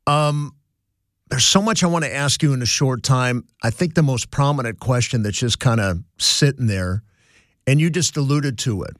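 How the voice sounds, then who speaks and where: A male host interviewing a comedian in a relaxed way, chiming in with agreement. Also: mid-range voice, moderate pace, no room sound, studio quality. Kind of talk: radio-style interview.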